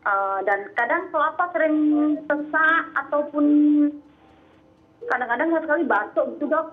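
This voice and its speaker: Woman, phone-in caller, higher pitch, halting, informal, thin telephone sound. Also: expressive, faint music behind. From North Sumatra, Indonesia. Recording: tinny phone line.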